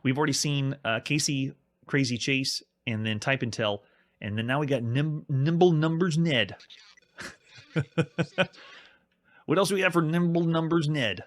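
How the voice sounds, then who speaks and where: A man's voice: fairly high pitch, measured pace, pauses often. A young man hosting a retro gaming live stream, chatting enthusiastically and casually as he plays and reviews games. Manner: enthusiastic, chatty, frequent laughs.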